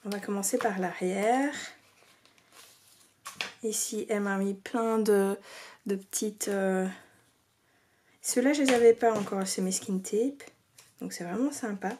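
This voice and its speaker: A woman's voice: medium pitch, a little slow, pauses often, darkish tone. Woman, casual craft vlog, hesitant with fillers, drifts into near-whispers, faint hiss and clicks behind. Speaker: scrapbooking vlogger. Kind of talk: casual craft show-and-tell. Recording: faint background noise and clicks.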